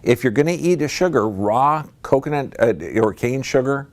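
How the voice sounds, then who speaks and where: A man giving a talk to a live audience in a room, speaking emphatically and leaping up in pitch to stress a point. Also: expressive, normal speed.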